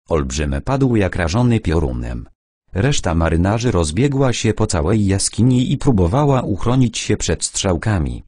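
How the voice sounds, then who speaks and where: A man's voice: low voice, dark tone, no echo, clean studio sound. A man reading an adventure audiobook aloud, narrating the story and voicing its characters lightly.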